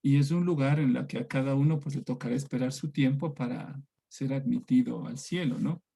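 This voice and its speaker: A man's voice: mid-range voice, a little fast, gravelly, warm tone, breathy edge. A man with an Ecuadorian Spanish accent teaching a religion class over a video call, speaking conversationally and often checking in with his students. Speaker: catechism teacher.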